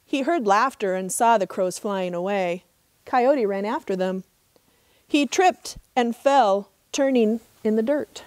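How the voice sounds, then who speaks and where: A middle-aged park ranger reads a trickster tale outdoors in open desert, her storybook narration expressive and measured. She speaks at medium pitch, and the recording is dry.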